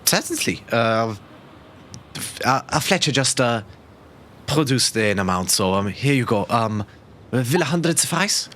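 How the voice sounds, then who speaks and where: A man voicing a shy young woman innkeeper with a put-on German accent, polite and halting. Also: mid-range voice, animated, a bit bright, slight background noise.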